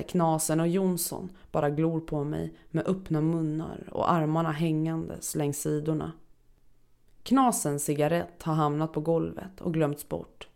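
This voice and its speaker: A woman narrating a first-person horror story in a steady, dark storytelling manner. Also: sits low, creaky.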